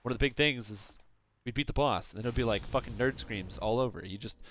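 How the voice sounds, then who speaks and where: A man's voice: medium pitch, fast, fairly bright tone, slight background noise. A young man streaming a game, chatting casually, swearing and thinking aloud while he plays. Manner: rambling, profane, thinks aloud. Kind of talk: casual livestream chat over gameplay.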